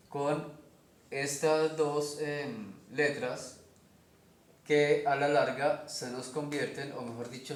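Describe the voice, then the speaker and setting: Slow, methodical Colombian man teaching. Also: mid-range voice. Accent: Colombian Spanish. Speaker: teacher of a constructed language. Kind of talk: explaining a lesson step by step. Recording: echoey room.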